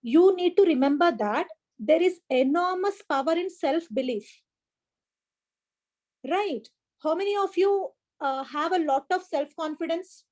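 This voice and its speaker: On a video call, an online exam coaching teacher with an Indian English accent greets students by name and encourages them while going back over key points. Her very high voice has lively intonation and a slightly mellow quality, and she takes her time. Audio comes from a laptop or headset mic.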